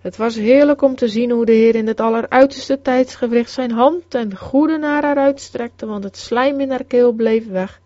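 A woman reading aloud a devotional account in a solemn manner, slowing down for the quoted prayers. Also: fairly high pitch, mellow, no echo, highs cut off. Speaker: reader.

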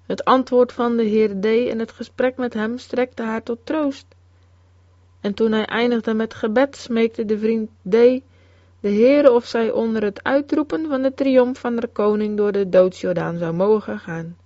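A woman reads a religious memoir aloud in a solemn, measured way. Her voice is fairly high. The sound is dry and a little dull, as if recorded close on a modest mic. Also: a little mellow, dry recording. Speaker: reader. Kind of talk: scripted narration of a religious memoir.

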